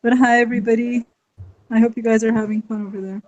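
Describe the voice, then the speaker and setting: A woman's voice: a little high, little pitch movement, darkish tone. A woman from Egypt, a faculty developer, joining a session remotely by video call and chatting in a friendly way. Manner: quick, friendly, laughing asides. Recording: dull remote call audio.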